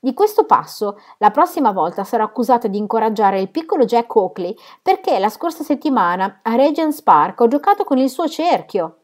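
A woman's voice: a little high, very animated, normal speed, hardly any pauses, voice pushed up. A woman doing an indignant young woman. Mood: exasperated. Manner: sharp and exclaiming. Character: young woman, sharp, emotional sister.

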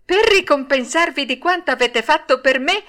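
A woman voicing an excitable wooden puppet boy in an Italian storybook reading, speaking high and eager. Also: normal speed, soft background music.

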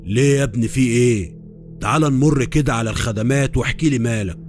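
Guy doing an older egyptian army sergeant, kind but stern, calm and fatherly, soft music under it. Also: medium pitch, quick pace, close to an everyday voice. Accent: Egyptian Arabic.

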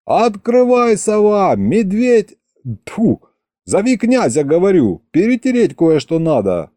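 A man voicing a brash, cheeky young man who talks in slang and shouts a lot. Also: sits high, wildly swooping pitch, takes it slowly, no echo, clean studio sound, voice pushed up, full character voice.

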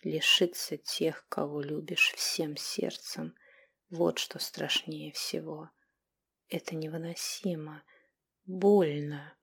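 A woman voicing a grieving, brooding male werewolf who talks in a hushed voice, often slow and whispered. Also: fairly low pitch, flat delivery, breathy edge, heavily acted. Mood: anguished.

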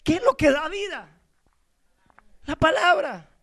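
A man's voice: very high-pitched, animated, slow, fairly bright tone. A male pastor preaching a sermon, pressing his listeners with rhetorical questions and calling them brother.

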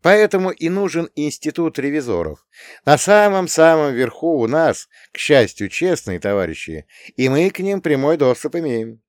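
A man narrating an audiobook in an expressive way, with lively intonation. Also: on the high side, moderate pace, dry recording, clean studio sound.

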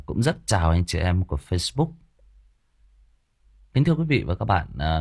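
A man hosting a live horror story reading, chatting with viewers and filling pauses with many soft fillers. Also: low voice, no echo, clean studio sound. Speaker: storyteller and livestream host.

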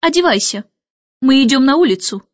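A woman voicing a stern, sniffy nanny who gives sharp commands, in an audiobook. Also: sits high, lively intonation, brisk, dry recording, dull audio, pitched above the performer's own voice.

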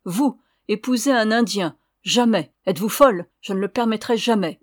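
A woman's voice: mid-range voice, normal speed, no echo, clean studio sound, natural voice. A woman reading aloud voices a stern, imperious older guardian who mocks and commands in a raised voice. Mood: indignant. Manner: imperious, mocking.

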